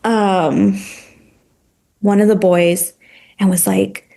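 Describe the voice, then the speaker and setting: This guest on a casual podcast is a former teacher whose medium-pitched voice is gravelly and very slow. Even so, she speaks with animated passion, using "like" over and over.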